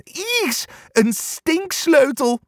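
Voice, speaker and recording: A man voicing a timid, frightened young male hare who talks in a high, squeaky, fearful voice. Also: sing-song, drawn-out words, no room sound, clean studio sound, exaggerated voice.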